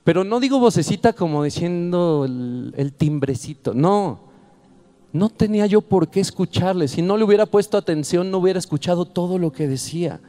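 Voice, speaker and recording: A man's voice: sits high, expressive, normal speed, mellow. A man preaching a sermon. He tells a personal story and builds to fervent exhortation.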